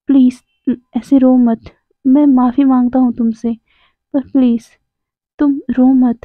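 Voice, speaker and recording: A woman's voice: high-pitched, little pitch movement, slow, no echo. A woman voicing an anxious young man who pleads and apologizes, often stammering, in a storybook reading. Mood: pleading. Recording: tinny phone-like dry sound.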